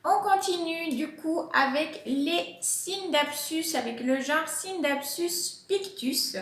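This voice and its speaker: A woman's voice: very high voice, slow pace, a bit bright, echoey room. A woman hosting a plant vlog from home, explaining in a casual, chatty way with many hesitations and fillers. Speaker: plant channel host.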